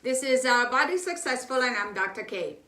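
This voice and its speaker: A woman's voice: fairly high pitch, animated, brisk, sharp tone, reverberant, far from the mic. A woman hosting her own health channel, explaining diet science in a chatty lecture with rhetorical questions and fillers. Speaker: health educator channel host.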